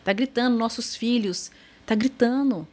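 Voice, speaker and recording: A woman's voice: on the high side, moderate pace, darkish tone. Brazilian woman explaining with examples. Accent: Brazilian Portuguese. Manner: explanatory, uses examples and repeats points. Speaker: dentist guest. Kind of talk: casual podcast chat.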